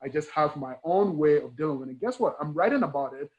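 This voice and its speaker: Quick and lively in intonation, a fairly high-pitched man from Ghana speaks with a Ghanaian accent as a guest in a conversational interview. This engineering educator is earnest and emphatic, repeating key words and firing off rhetorical questions. The audio is poor.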